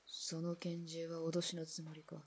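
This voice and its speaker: For a hobby radio drama, a woman voices a defiant former Russian imperial soldier, an ex-officer. Her husky voice is completely flat and unhurried, and her delivery is blunt, challenging, low, and clipped.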